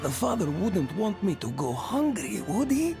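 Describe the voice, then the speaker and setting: A woman's voice: mid-range voice, very animated, moderate pace, creaky. Woman doing a whiny superstitious village lady from a fantasy game, music behind. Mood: plaintive. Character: plaintive, superstitious townsperson in a dark fantasy. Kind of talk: video game character voice acting.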